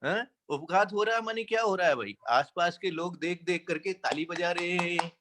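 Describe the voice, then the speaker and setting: A man giving a slow, explanatory sermon on scripture, chanting verses and asking rhetorical questions. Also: high-pitched, fairly bright tone. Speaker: Jain scripture teacher.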